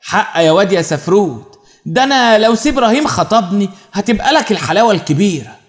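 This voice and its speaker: A man's voice: high-pitched, lively intonation, fast talker. A man voicing a coy young bride, Egyptian accent. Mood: teasing. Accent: Egyptian Arabic.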